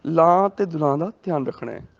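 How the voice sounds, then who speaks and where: A man with a Punjabi accent who teaches the correct pronunciation of scripture, chanting each verse slowly and then explaining it. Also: a little high, vocal fry, highs cut off. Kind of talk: slow recitation and correction of scripture.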